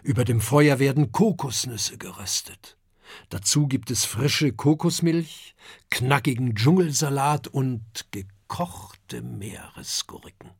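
A middle-aged man narrating a children's storybook with calm, expressive delivery. His voice is husky and lively in pitch, and he takes his time. The sound is dry and close. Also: slow pace, dry recording. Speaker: audiobook narrator.

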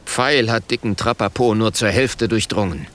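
A man doing a stern gruff old chief. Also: lowish voice, moderate pace, a bit bright, lightly acted. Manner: clipped broken sentences, stern.

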